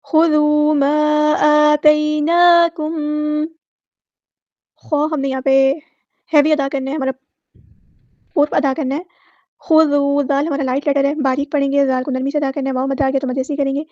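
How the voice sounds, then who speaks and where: A woman teaching tajweed, explaining pronunciation rules patiently and step by step, with slow drawn-out recited words between her explanations. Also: sits high, flat delivery, warm tone, dry recording. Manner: patient, repetitive step-by-step instruction. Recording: dry, slightly dull recording.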